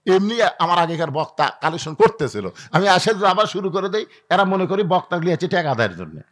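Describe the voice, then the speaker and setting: A man's voice: sits high, sing-song, a little fast, a bit bright. A man, preaching a waz sermon to a crowd, acting out dialogues and calling for the crowd to answer. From Bangladesh. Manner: dramatic storytelling, acting out dialogues, calling for audience responses.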